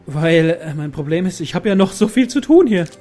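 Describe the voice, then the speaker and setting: A man hosts a gaming video in a fairly high voice. He comments casually, muttering his thoughts aloud over game music. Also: lively intonation, a little fast, dark tone. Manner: thinking aloud, muttering to himself. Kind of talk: casual let's play commentary.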